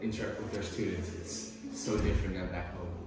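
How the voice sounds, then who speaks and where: A man's voice: deep voice, level tone, brisk, very echoey, far from the mic. A man in his twenties from the Netherlands, a school intern, chatting casually to camera about his plans. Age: 20s.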